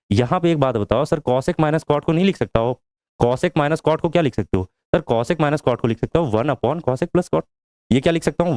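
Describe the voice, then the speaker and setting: A maths teacher from India explaining a proof step by step, asking the class questions and answering them himself. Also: male voice, a little high, a little mellow, dry recording. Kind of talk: whiteboard lesson.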